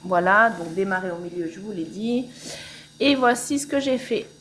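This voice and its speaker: A woman's voice: medium pitch, expressive, normal speed, a bit bright. A woman casually showing her cross-stitch projects at home, talking in a rambling way with many hesitations. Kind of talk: casual show-and-tell chat. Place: home, washing machine spinning nearby.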